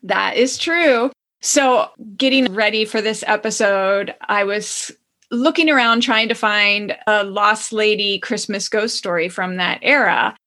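A woman's voice: medium pitch, unhurried, pushed and bright. A woman co-hosting a podcast, casually and cheerfully retelling a story and reading from it. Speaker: podcast co-host.

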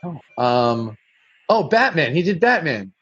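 A man's voice: on the high side, very animated, a little slow, fairly bright tone, slightly rough. A man as a podcast guest, chatting casually in a hesitant, unsure manner, recorded with dull lo-fi sound. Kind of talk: casual chat.

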